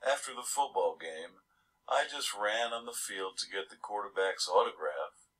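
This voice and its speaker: A man's voice: fairly low pitch, expressive, moderate pace, sharp tone, poor audio. A man reading a children's storybook aloud, adding casual, chuckling comments between pages. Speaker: storybook reader.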